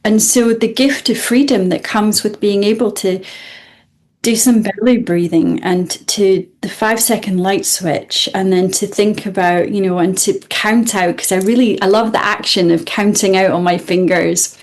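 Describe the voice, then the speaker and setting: A woman's voice: medium pitch, steady tone, moderate pace. A woman from Scotland with a Scottish accent, a guest speaking earnestly and reflectively in an interview, often restarting her sentences. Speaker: guest, student of the program. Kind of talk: interview conversation.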